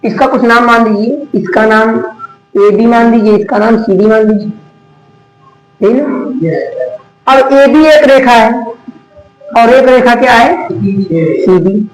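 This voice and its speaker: A man's voice: extremely high pitch, slow, long pauses, faint music behind. A man teaching a math lesson who asks the class questions, then answers them himself, stretching out the key words. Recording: echoey room.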